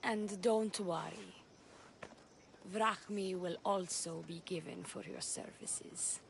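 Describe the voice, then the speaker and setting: Sly, poised priestess, measured and theatrical. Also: female voice, fairly low pitch, steady tone, vocal fry, a little hiss or hum. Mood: persuasive. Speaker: game character. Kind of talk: video game voice acting.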